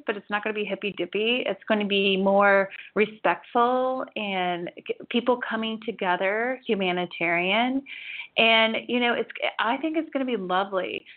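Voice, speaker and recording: A woman's voice: mid-range voice, moderate pace. A woman in her forties giving a chatty, rambling spiritual forecast as a psychic reader, with lots of "you know" and "like". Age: 40s. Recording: tinny phone-like audio.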